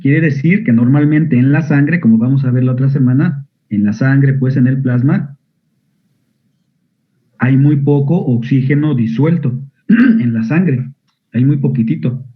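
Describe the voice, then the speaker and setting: A male medical school lecturer giving an online physiology class. He often quizzes his students and clears his throat. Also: medium pitch, unhurried. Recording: narrow phone-like audio.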